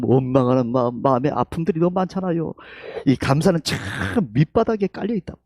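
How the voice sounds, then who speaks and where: High, animated Gyeongsang pastor preaching. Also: male voice, gravelly, no room sound, clean studio sound. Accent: Gyeongsang Korean. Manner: emphatic preaching that swings between loud calls and hushed whispers; leads the congregation in call-and-response. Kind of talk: Sunday sermon. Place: church sanctuary.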